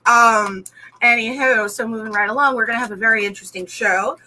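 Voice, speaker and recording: Bright-voiced woman co-host, casual and playful, quick to laugh. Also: a little high, fairly even intonation, low-quality recording. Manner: chatty, playful, laughs often. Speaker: talk show co-host. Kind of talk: casual talk show chat.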